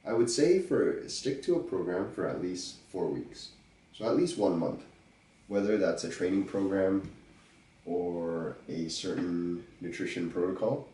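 A deep-voiced man with a stuffed-up nose hosts his own podcast at an unhurried pace, joking dryly and thinking aloud between pauses. He sits back from the mic in a roomy space that gives his voice an echo. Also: lively intonation, warm tone, distant mic. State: stuffed up from a cold. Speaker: podcast host. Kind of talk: casual solo podcast talk.

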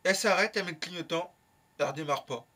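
A young man telling a casual story in a lively, slangy way, with plenty of swearing. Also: on the high side, fast. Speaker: YouTuber.

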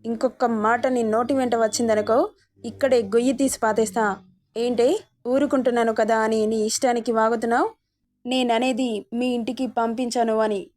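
A woman's voice: a little high, steady tone, moderate pace, darkish tone, close to an everyday voice. Woman reading as a possessive, commanding young husband. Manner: commanding, insistent.

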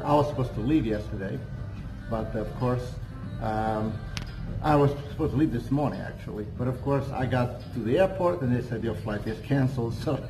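A man's voice: medium pitch, low-quality recording. A man in his sixties, from Portugal and with a Portuguese accent, chatting as an interview guest in a hotel cafe, rambling with frequent hesitations and restarts. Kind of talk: casual interview chat. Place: hotel cafe with large windows, indoors. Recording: music playing under the speech. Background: music in the background.

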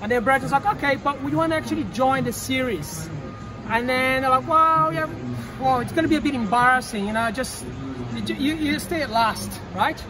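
A man in his thirties, hosting his channel in an indoor expo hall, talking excitedly in loose, rapid phrases. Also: very high-pitched, over music. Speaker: channel host. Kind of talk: casual expo walkthrough. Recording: crowd noise behind.

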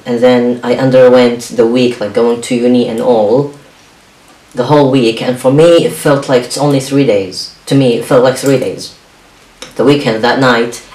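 A young man whose first language is Arabic records a confessional vlog in his small home kitchen. He speaks softly and hesitantly in a mid-range voice, with many halting restarts. A camera on a stand a few feet away picks him up with a roomy, distant sound and faint hiss.

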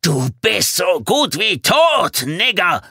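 A man's voice: high-pitched, big pitch swings, slow, pushed and bright, dry recording, clean studio sound, pitched above the performer's own voice, exaggerated voice. A man voicing a furious, bloodied Southern captain who screams threats, his voice strained and far from the mic. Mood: enraged.

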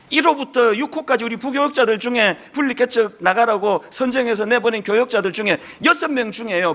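A middle-aged man preaching a sermon with a strong Gyeongsang Korean accent. His voice sits very high and sounds bright and forceful. He delivers it in an earnest, emphatic way, and his pitch swings up and down a lot. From Gyeongsang region, South Korea. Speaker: pastor.

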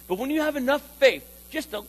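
A man's voice: extremely high pitch, expressive, quick pace, poor audio. A man preaching a sermon as pastor, emphatic, repeating key lines and calling for responses from the congregation.

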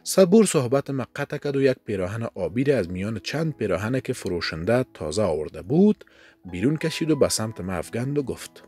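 A man's voice: medium pitch, very animated, a little mellow, breathy edge, faint music behind. Afghan Dari male storyteller. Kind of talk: scripted first-person story narration.

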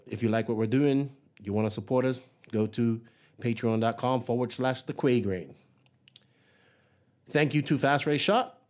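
A man's voice: mid-range voice, darkish tone. A man from Bermuda hosting a hobby podcast, talking in a rambling, friendly way with many fillers and restarts. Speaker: podcast host. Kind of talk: casual solo podcast monologue.

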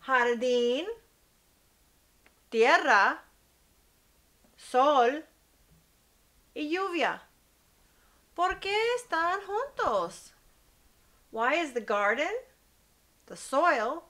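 Woman teacher for little kids, high and bright, very slow and carefully clear. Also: expressive. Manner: slow, clear enunciation for young learners. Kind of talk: children's lesson.

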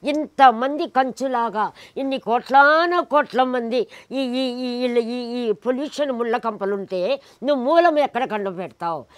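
In an unhurried, fairly high voice with no room sound, a woman shares a personal story in an interview. She emphasizes points, acts out the people involved, and fires off a string of indignant rhetorical questions.

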